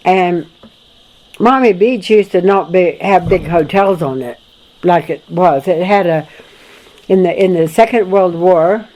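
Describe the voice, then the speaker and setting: An older woman from Florida in the United States telling her family history in a casual, rambling way, with many restarts and soft chuckles. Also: on the low side, measured pace, low-quality recording. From Florida, USA. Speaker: documentary photographer recalling family history. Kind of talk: casual spoken memoir to a friend.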